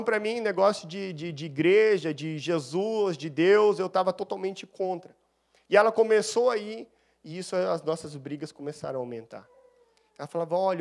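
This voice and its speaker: A man preaches in church, his voice sitting a little high for a man. He tells his testimony with lively storytelling and takes on the voices of the people in it. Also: creaky. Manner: animated storyteller, acts out dialogue. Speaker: deacon preaching a sermon. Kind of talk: sermon with personal testimony.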